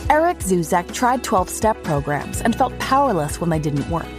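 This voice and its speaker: A woman's voice: fairly low pitch, very animated, normal speed. Dramatic female announcer over music. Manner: dramatic, emphatic announcer read. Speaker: show intro announcer. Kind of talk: scripted promo narration.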